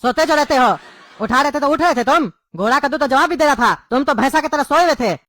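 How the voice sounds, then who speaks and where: Fast-talking irritable woman. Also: high voice, a bit bright, dry recording. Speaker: father character in a comedy sketch. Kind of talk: scripted comedy sketch.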